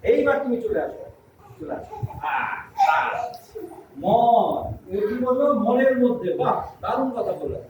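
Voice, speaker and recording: Echoey lively woman teaching children acting. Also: on the high side, unhurried, pauses often. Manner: lively, questioning, coaxing children. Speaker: theatre workshop teacher. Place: school classroom. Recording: echoey room, far from mic, noisy.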